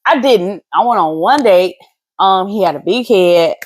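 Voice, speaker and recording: A woman co-hosting a podcast, chatting casually in a playful, animated way and stretching words out for effect. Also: medium pitch, a little slow. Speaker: podcast co-host. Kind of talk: casual chat.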